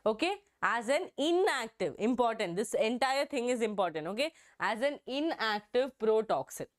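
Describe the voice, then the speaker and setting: A young woman with a hoarse, strained voice from a throat infection, teaching an exam-prep biology lesson and repeating herself with frequent "okay"s. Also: on the high side, sing-song, moderate pace. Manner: repetitive, checks in with "okay".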